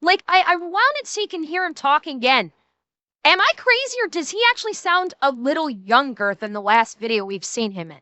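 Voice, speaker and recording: A woman's voice: high-pitched, expressive, fairly quick, few pauses, pushed and bright, dry recording. A woman streamer reacting to video clips in blunt, sweary, casual commentary.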